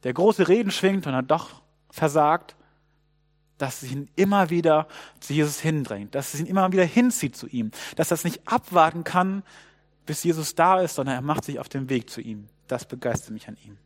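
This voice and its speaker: A man preaching a sermon, telling a Bible story with lively swings between loud outbursts and hushed asides. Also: a little high, normal speed.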